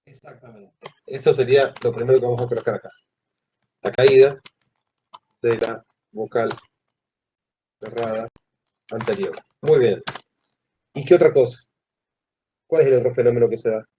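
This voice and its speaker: A male teacher giving a classroom lecture, who asks the students questions and pauses mid-phrase. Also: mid-range voice, warm tone, slight background noise. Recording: dull lo-fi classroom recording.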